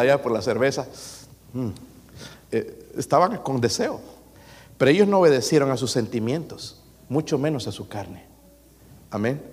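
A man's voice: medium pitch, in a large hall. A man preaching as a pastor, emphatic and joking, acting out quotes. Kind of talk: sermon.

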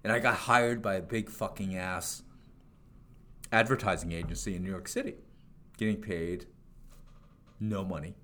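A man's voice: sits low, steady tone, moderate pace, long pauses, bright, forceful tone, a little hiss or hum. A man in his sixties co-hosting a podcast, chatting casually and joking with lots of fillers. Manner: jokey, rambling with many fillers. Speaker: podcast co-host. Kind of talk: casual chat.

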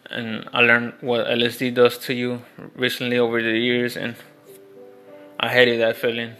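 Rambling young man with a bright, flat voice. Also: medium pitch, moderate pace, faint music behind. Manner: rambling, many restarts and fillers, frank. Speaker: vlogger. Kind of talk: casual storytelling monologue.

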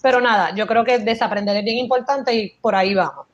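A young woman with a Puerto Rican accent, chatting casually and telling stories in a lively way, dropping in English words now and then. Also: fairly high pitch, a little fast, highs cut off. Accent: Puerto Rican Spanish. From Puerto Rico. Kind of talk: casual conversational chat.

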